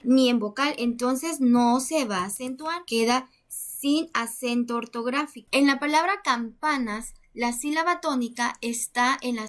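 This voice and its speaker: A woman's voice: sits high, a bit bright. A woman explaining a grammar lesson as a teacher, methodically counting syllables step by step.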